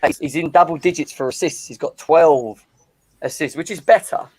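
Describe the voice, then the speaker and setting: A man's voice: a little high, moderate pace, background noise. A man hosting a casual group livestream, reading out viewer comments and stats. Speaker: stream host. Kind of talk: casual chat.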